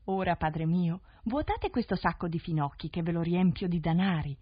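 A woman voicing a gentle young daughter. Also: on the low side, expressive, normal speed, slightly rough, no room sound. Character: kind young daughter, now a prince's wife. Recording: dull dry 1970s radio studio recording.

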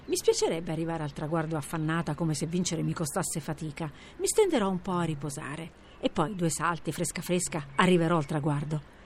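A woman's voice: animated, fairly quick, slight background noise. A woman voicing a boastful, cocky young female hare who brags and taunts in a storybook reading. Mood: to herself. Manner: bragging, taunting, shrill laughter.

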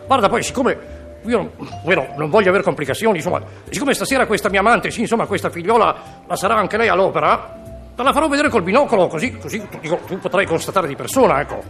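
A man's voice: high-pitched, expressive, vocal fry, fairly bright tone, soft background music, voice pushed up, full character voice. A man voicing a flustered, stammering rich husband in a radio comedy sketch. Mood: boastful. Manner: stammering, hurried, exasperated.

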